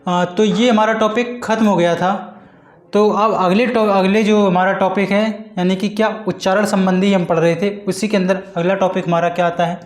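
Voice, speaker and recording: A male teacher giving a patient exam-prep Hindi lesson, repeating each point and sounding out syllables slowly. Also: sits high, steady tone, reverberant.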